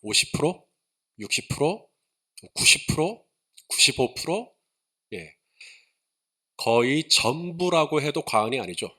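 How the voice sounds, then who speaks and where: Male pastor, bright tone, animated conversational sermon. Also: a little high, slow pace, long pauses. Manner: conversational, asks the congregation questions, rises to emphatic preaching.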